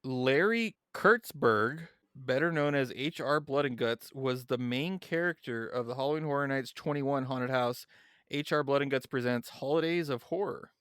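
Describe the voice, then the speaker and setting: A man's voice: mid-range voice, moderate pace, a bit bright, clean tone, no room sound, studio quality. A man co-hosting a podcast in a casual chat, reading background notes aloud and then chatting loosely. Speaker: podcast co-host.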